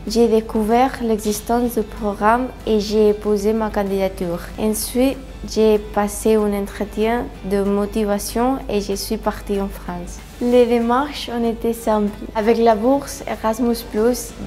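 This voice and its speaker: A woman's voice: mid-range voice, little pitch movement, measured pace, dark tone, soft background music. A young woman from Spain, an apprentice cook giving a short, carefully phrased testimonial. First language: Spanish. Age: young adult.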